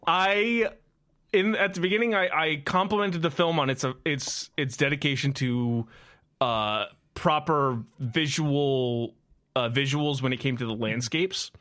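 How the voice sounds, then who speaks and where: A man's voice: a little high, takes it slowly, fairly bright tone. A man co-hosting a casual film review podcast, laughing often and acting out lines in silly voices. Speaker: podcast co-host.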